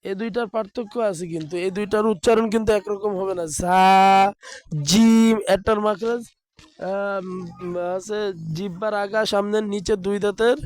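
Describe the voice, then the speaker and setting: Man, madrasa teacher, slow drilled chanting, crisp resonant voice. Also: high voice, fairly even intonation, a little mellow. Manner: slow, drawn-out demonstration of letter sounds; recites lists in a chanting, drilled way. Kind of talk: online Arabic pronunciation lesson.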